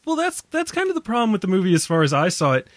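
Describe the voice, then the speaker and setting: A man's voice: high-pitched, huge pitch swings, racing, no echo, studio quality. A man casually discussing a film on a podcast, rambling and laughing often. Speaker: podcast co-host.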